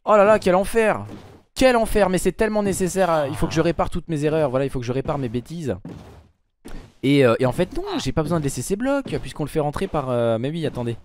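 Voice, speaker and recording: A man recording let's play commentary, talking to his viewers and to game characters, swinging from low muttering to sudden loud outbursts. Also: animated, quick pace, a little hiss or hum. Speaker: gaming YouTuber.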